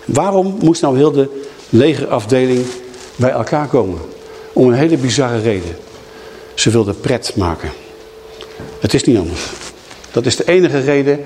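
A man preaching a Bible teaching, telling the story in a lively way and voicing the people in it. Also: medium pitch, normal speed, pauses often, a little hiss or hum. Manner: lively storytelling, acting out quoted speakers. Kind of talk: sermon teaching.

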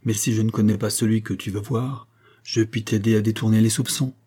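A man's voice: on the low side, brisk, husky. A man reading as a jovial theatrical singer. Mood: commanding, expansive. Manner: lively, expansive, commanding. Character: jovial theatrical male opera singer friend.

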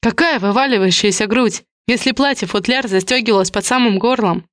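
A woman's voice: a little high, a little fast, no echo, clean studio sound, close to an everyday voice. A woman voicing an anxious young woman who panics easily, in a read-aloud story. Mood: flustered.

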